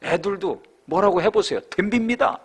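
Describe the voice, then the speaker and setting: A male pastor preaching a sermon with rhetorical questions, swinging between raised exhortation and hushed reflection. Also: high-pitched, expressive, normal speed, slightly rough.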